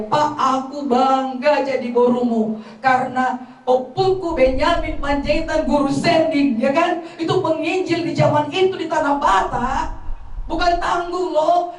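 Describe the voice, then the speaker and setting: A woman's voice: high-pitched, a little mellow. A middle-aged woman gives a eulogy at a funeral gathering, telling heartfelt family stories and quoting her relatives. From North Sumatra. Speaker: daughter giving a eulogy. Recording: echoey room, voice from far off the mic.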